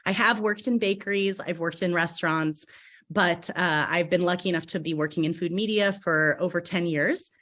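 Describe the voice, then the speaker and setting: Woman in her 30s, a baker chatting about her work, slightly low voice, bubbly with lots of ums. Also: moderate pace, fairly bright tone. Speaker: baker and food writer. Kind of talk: casual introduction on a video panel.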